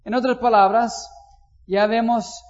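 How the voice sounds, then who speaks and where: A man's voice: very high-pitched, fairly even intonation, measured pace. A man preaching a sermon in a conversational way, asking the congregation questions and acting out prayers. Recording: muffled, reverberant hall.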